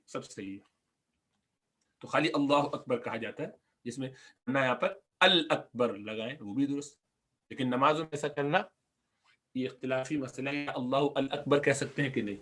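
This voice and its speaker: A man teaching Arabic grammar, his accent Pakistani Urdu, speaks in a slightly high voice. He's patient in this recorded lesson, saying words again slowly and questioning the class.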